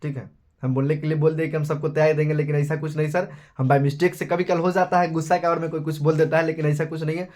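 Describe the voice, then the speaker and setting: A man's voice: a little high, flat delivery, fast, darkish tone. A young man with a Bihari accent teaching maths in a live class, chatty and scolding, calling his students beta. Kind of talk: casual Hindi live class.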